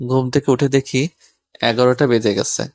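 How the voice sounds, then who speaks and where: A man narrating a romantic audio story in the first person, with plain, even storytelling and casual banter. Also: mid-range voice, moderate pace. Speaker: narrator and lead voice actor.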